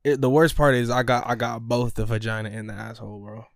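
A man's voice: mid-range voice, flat delivery, quick pace, creaky, no room sound, studio quality. A young man co-hosting a podcast, laid-back and slangy, swearing freely in casual chat. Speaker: podcast co-host.

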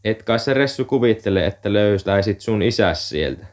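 A man's voice: lowish voice, animated, close to an everyday voice. A man reading aloud, voicing a blunt, weary mother with a head cold and a stuffy, nasal voice. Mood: mocking. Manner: blunt, dismissive, wry.

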